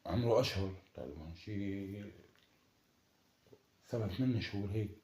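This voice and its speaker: Gravelly, coaxing man. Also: on the low side, normal speed, a little mellow, echoey room. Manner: evasive, coaxing. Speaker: husband pulling a prank. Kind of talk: prank conversation.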